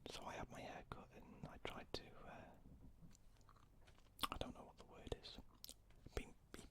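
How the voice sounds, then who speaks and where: A man whispers an ASMR ramble very close to the microphone, as if into the listener's ear. His speech is fully unvoiced and breathy. He wanders along casually, with hesitant asides. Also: moderate pace.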